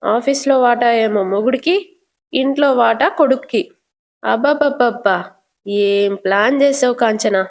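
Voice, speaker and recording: A woman voicing a sharp-tongued older aunt who taunts and accuses in a scornful way. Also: a little high, measured pace.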